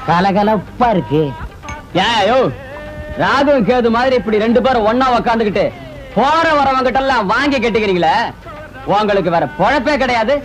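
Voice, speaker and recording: An actor playing an exasperated shopkeeper in a Tamil film comedy, scolding two idlers. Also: male voice, very high-pitched, lively intonation, moderate pace, a bit bright, faint music behind. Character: grumbling shopkeeper man, scolding.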